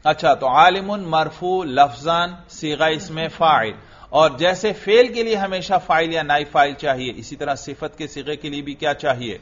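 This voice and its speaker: A man's voice: fairly high pitch, a bit bright. A man teaching a classroom grammar lesson who keeps asking his students short questions and praising their answers. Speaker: religious school teacher. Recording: dull lo-fi lecture recording.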